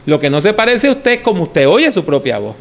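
A man's voice: high-pitched, sing-song, brisk, gravelly. A man giving a conversational lesson on how to preach, demonstrating points with his own voice. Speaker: preaching teacher. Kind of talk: instructional talk on preaching.

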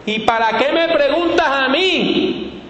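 A man's voice: very high-pitched, slow pace, fairly bright tone, pitched above the performer's own voice, full character voice. A man voicing the annoyed spirit of an old prophet, scolding and reproachful. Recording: echoey hall, faint room noise.

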